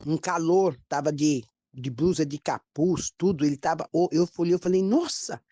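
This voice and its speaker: A woman pastor with a Brazilian accent, telling a testimony in a sermon, with lively storytelling and acted quotes. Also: deep voice, normal speed, no room sound. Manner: storytelling, animated quoted dialogue.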